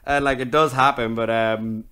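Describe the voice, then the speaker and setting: A man's voice: medium pitch, normal speed, smooth. A man with a Geordie accent, a comedian guest on a podcast, chatting casually and acting out quotes as he tells stories. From Newcastle, England. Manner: storytelling, animated, acts out quotes.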